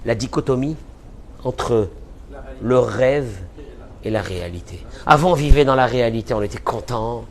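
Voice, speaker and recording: A man giving an impassioned religious lecture as a rabbi, pleading and repeating phrases for emphasis, dropping to a hush and then rising loud. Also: mid-range voice, moderate pace. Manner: pleading, emphatic repetitions, swings from hushed to loud.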